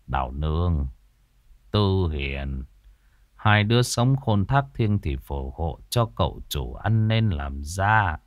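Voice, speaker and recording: A man voicing a gruff older caretaker who prays softly and curses roughly in a ghost story. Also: low voice, expressive, takes it slowly, no room sound, clean studio sound, voice pushed down. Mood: solemn prayer. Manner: gruff, cursing. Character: older male caretaker, gruff and easily spooked.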